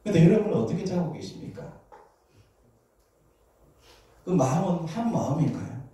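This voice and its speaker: A middle-aged male pastor preaches with humor, throwing questions out to his congregation. His voice sits high and swings widely in pitch, with a mellow, soft-edged tone. It comes from far off the mic in a very echoey church hall. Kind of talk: sermon. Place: church sanctuary.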